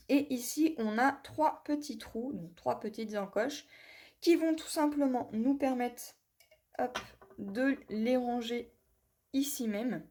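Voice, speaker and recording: In a slightly high, slightly mellow voice, a woman reviews a craft tool by showing it in use. She's chatty, guiding viewers step by step with lots of "voilà" and "hop," and says sorry for how she pronounces English.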